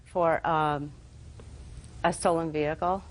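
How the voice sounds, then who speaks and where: A middle-aged woman testifies as a plaintiff on a court show. Her voice sits a little on the low side as she answers questions and recounts what happened. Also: fairly even intonation, slow.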